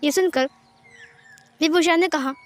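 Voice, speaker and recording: A woman's voice: very high voice, unhurried, soft background music. A woman narrating a fan fiction story, reading it in a plain storytelling manner. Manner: plain storytelling with many speech tags.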